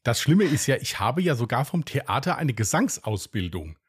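A man's voice: mid-range voice, very animated, normal speed, breathy edge. A man co-hosting a podcast in casual chat, rambling and self-deprecating with many restarts. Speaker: podcast co-host.

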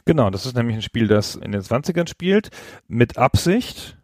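A podcast host with a mid-range, very animated voice talks through video games at a moderate pace in a casual, colloquial style. The sound is clean studio quality with no echo.

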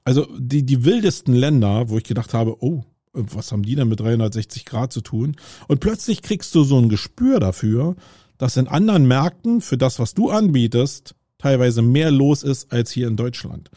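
Out on a city street with roadwork noise, a middle-aged German man hosts a casual solo podcast, thinking aloud with frequent fillers and restarts. He's animated at normal speed, with a mellow, mid-range voice, recorded at studio quality with no echo.

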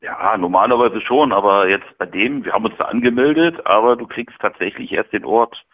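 A man on a tinny phone line, his voice a little low and close without any room sound. He chats easily and tells his story as a caller on a live show. The call comes in from a hotel room. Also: fairly quick, no room sound. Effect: over the phone. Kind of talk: casual chat.

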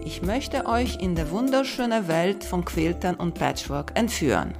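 Slow, animated woman hosting a podcast. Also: mid-range voice, gravelly, dry recording. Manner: warm, playful questioning with slightly broken German grammar. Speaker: podcast host. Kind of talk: casual interview chat.

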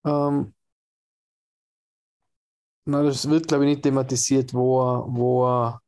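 A man's voice: medium pitch, flat delivery, slow pace, a little mellow. A man, co-hosting a casual film podcast, rambling with many fillers and restarts. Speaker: podcast co-host.

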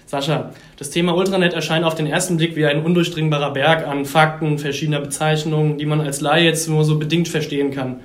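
A man's voice: on the high side, little pitch movement, fairly quick, few pauses, echoey room. A man hosting a podcast interview, reading a scripted intro and then asking long questions. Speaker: podcast host.

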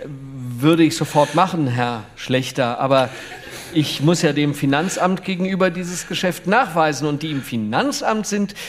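A man's voice: a little high, moderate pace, a little hiss or hum, lightly acted. An author reading aloud, voicing a polite, eager salesman who hesitates and fumbles. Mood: flustered. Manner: eager, helpful tone with hesitant fillers. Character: eager, polite middle-aged male salesman.

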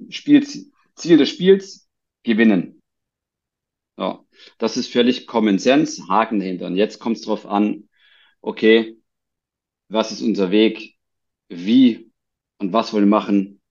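A man hosting a podcast interview, talking in a halting way and reworking his sentences mid-thought. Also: fairly low pitch, a little mellow, slightly rough, muffled recording. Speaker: podcast host. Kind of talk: conversational interview.

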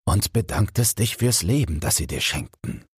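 A man's voice: fairly low pitch, animated, normal speed, slightly rough, no echo, clean studio sound, voice pushed up, heavily acted. A man voicing a carefree journeyman smith who teases his fearful companion in a fairy-tale audiobook. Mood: teasing, easygoing. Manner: teasing, easygoing.

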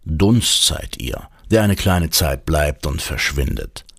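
A man giving a calm, measured scripted devotional reading of scripture and reflection. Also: extremely low pitch, gravelly, husky, dry recording. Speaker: devotional reader. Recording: dry close studio sound.

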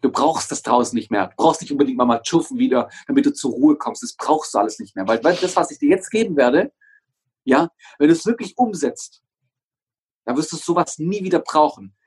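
Young male coach, husky and slightly high-pitched, punchy and repetitive, swears freely. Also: expressive, fairly quick. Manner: emphatic, swears often, hammers phrases through repetition. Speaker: interview guest, motivational coach. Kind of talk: energetic motivational talk.

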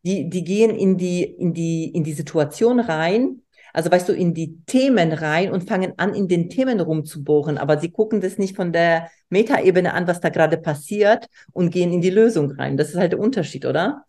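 Woman podcast host, coach, casual interview talk, repeats herself, lowish voice. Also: animated, moderate pace. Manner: rambling, repeats words, warm-hearted encouragement.

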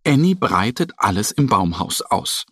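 A man narrating a children's story in a very expressive, sing-song storytelling manner. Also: fairly low pitch, unhurried, husky, no echo, studio quality.

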